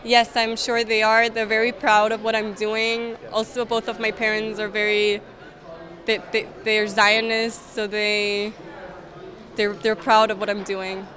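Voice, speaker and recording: Woman in her twenties, Austrian accent, earnest interview answers, evenly flat intonation. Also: mid-range voice. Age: 20s. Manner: earnest, measured, with hesitant restarts. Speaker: interviewee, soldier. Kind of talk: event interview. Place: indoor event hall, crowded.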